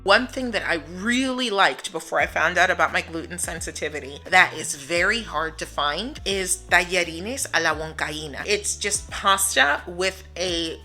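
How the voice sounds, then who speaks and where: A woman's voice: on the low side, animated, normal speed, few pauses, pushed and bright, soft background music. A woman from the United States talking casually to camera in a vlog, chatty and upbeat, laughing often. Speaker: vlogger.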